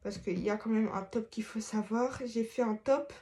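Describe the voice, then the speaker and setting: This woman vlogger, masked, speaks at a normal pace in a slightly high, a bit mellow voice. Her casual chat is hesitant and meandering, with frequent fillers and restarts, and she teases herself playfully.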